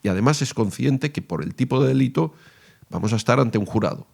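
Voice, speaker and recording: A man with a Spain Spanish accent teaching courtroom speaking, explaining in a measured way and reading examples aloud. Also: medium pitch, expressive, gravelly, a little mellow, husky. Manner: measured, reads quoted advice aloud.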